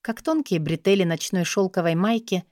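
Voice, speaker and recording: Woman, lowish voice, audiobook narration, intimate sensual romance reading, very dry sound. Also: moderate pace, darkish tone, no echo. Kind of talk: scripted narration of first-person romance fiction.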